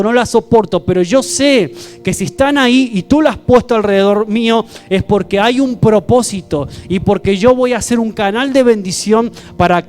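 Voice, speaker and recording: Brief: male pastor mid-sermon, high voice, fervent, faint keyboard underneath. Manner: fervent, praying aloud and exhorting the congregation. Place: church service. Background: soft keyboard music.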